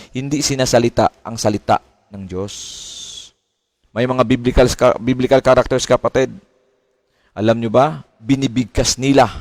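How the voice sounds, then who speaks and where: In a mid-range voice recorded without echo, a middle-aged man preaches as a pastor. He asks questions with rising intonation, imitates complaints, and drops English phrases into his sermon.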